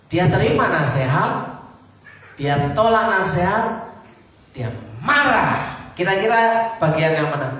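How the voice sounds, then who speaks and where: A man's voice: extremely high pitch, fairly bright tone. A male pastor with a Javanese-tinged Indonesian accent preaching a sermon, asking the congregation rhetorical questions. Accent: Javanese-influenced Indonesian. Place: church hall, livestreamed service. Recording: echoey church hall, distant mic.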